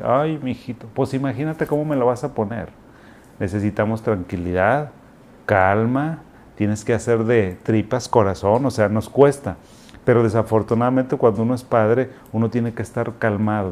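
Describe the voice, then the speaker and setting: A man with a Mexican accent and a mid-range, slightly mellow voice speaks as a doctor advising parents. He's conversational and explanatory, acting out quotes as he goes.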